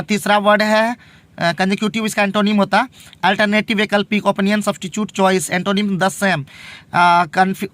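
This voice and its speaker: A man's voice: high voice, a bit bright, no room sound. A man tutoring vocabulary, reading out words, meanings and antonyms in a terse, list-like way with small fillers. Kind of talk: reading out word lists.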